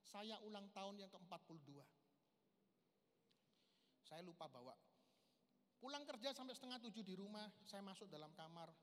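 A man gives an emotional church testimony, swinging from loud, high outbursts to hushed, low passages and calling the audience his brothers. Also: lively intonation, moderate pace, long pauses. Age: 40s. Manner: keeps addressing the audience as brothers. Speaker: lay preacher giving a testimony. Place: large reverberant hall at a men's camp. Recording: reverberant hall, faint background noise.

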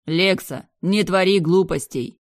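A woman voicing an alarmed young brother who keeps shouting urgent warnings, with a dry close sound. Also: deep voice, fairly even intonation, a little slow, dry recording. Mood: urgent pleading. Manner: urgent, pleading, raised voice.

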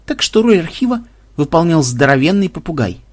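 A man reading an audiobook aloud in an ironic, expressive storytelling manner. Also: a little high, brisk. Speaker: audiobook reader. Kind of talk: scripted narration.

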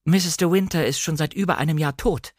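A man's voice: a little high, a little fast, no echo, studio quality, voice pushed up, natural voice. A man voicing a timid, startled young wife. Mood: nervous.

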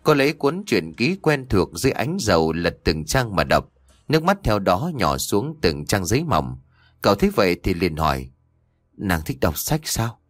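A male storyteller reads a dramatic audiobook in a low voice with wide, lively rises and falls. The sound is dry and close, with no room around it. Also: moderate pace, no echo. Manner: expressive, dramatic reading.

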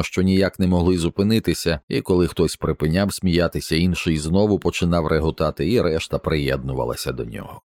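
A man narrating an audiobook in a steady, measured reading. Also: deep voice, no echo, clean studio sound. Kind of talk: scripted narration.

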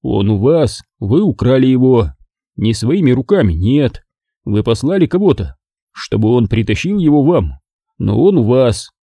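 A man's voice: mid-range voice, very animated, moderate pace, warm tone, husky, no echo, highs cut off. A man voicing a dogged male investigator who presses blunt accusations. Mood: accusing.

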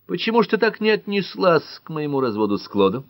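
A man's voice: a little high, big pitch swings, fast, dry recording, voice pushed up. Man voicing a sarcastic grown daughter. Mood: mocking. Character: mocking, sullen grown daughter.

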